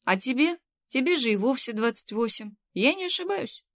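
A woman's voice: sits high, sing-song, a bit bright, voice pushed up. A woman putting on a fussy, coaxing kindergarten boss. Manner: coaxing, bossy, quick to scold. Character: middle-aged female kindergarten head, fussy and coaxing.

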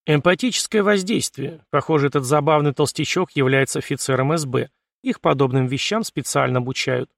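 A man's voice: fairly high pitch, a little fast, gravelly, no room sound. A man voicing a wry, sarcastic male ship artificial intelligence in an audiobook, with a dry, mocking, matter-of-fact delivery.

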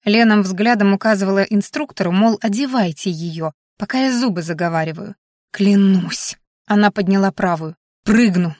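A woman reading an audiobook aloud, giving the characters' lines a lively lift. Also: medium pitch, moderate pace, no room sound, studio quality. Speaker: audiobook narrator. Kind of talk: scripted audiobook narration.

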